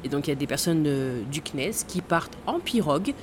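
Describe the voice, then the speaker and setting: Against a noisy background, a low-voiced woman talks briskly and with animation in an interview. She's in her thirties, a space center tour guide from the Caribbean who was born in Guadeloupe and grew up in French Guiana. Her explanations are peppered with fillers and hesitation, broken up by occasional laughter.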